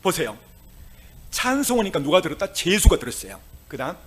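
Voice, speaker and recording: A male pastor preaching a sermon, dropping to hushed tones and then rising to loud exclamations. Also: a little high, sing-song, a little fast, slightly rough.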